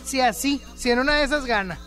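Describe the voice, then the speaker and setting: A woman's voice: high voice, fast talker, fairly bright tone, faint music behind. A woman with a Mexican accent hosting a call-in radio show, playful and teasing, often laughing. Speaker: radio host. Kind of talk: casual call-in radio chat.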